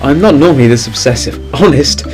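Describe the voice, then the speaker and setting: A man voicing a bubbly young woman excited about her date, breathless and chirpy. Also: mid-range voice, a little fast, over music, voice pushed up, lightly acted. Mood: giddy.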